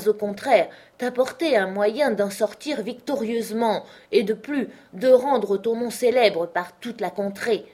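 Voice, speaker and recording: A woman reading the part of a wealthy, blunt old gentleman who speaks in an insistent, commanding way, in a slightly husky voice. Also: mid-range voice, natural voice. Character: wealthy old man, blunt and generous host.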